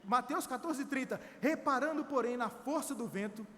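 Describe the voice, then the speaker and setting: A man with a Brazilian Portuguese accent, a missionary preaching a sermon to a congregation in a church, animated, acting out quotes and exhorting his listeners. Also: very high voice, normal speed, big-room sound.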